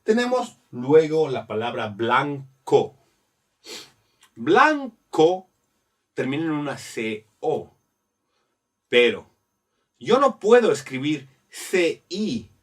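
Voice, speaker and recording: A man teaching a grammar lesson, explaining slowly step by step and spelling letters out. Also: medium pitch, sing-song, far from the mic. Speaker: Spanish teacher.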